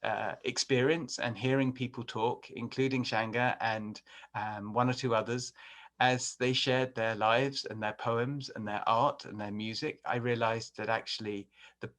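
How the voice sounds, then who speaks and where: A middle-aged Englishman with an English accent, who hosts a podcast and presents webinars, gives a conversational webinar talk full of fillers and restarts. His medium-pitched voice is a bit bright, with fairly even intonation and a slightly slow pace.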